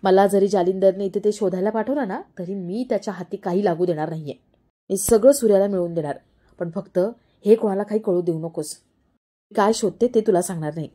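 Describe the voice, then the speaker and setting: A woman's voice: mid-range voice, a little fast, dark tone, slightly rough, lightly acted. A woman doing a secretive middle-aged aunt. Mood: confiding.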